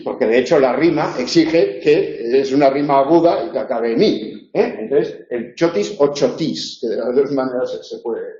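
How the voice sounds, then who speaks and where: This male university tutor has a voice on the high side with a dark tone and a northern Spain Spanish accent. He explains phonetics, demonstrates sounds and often checks in with listeners, all in a roomy, dull lo-fi lecture recording.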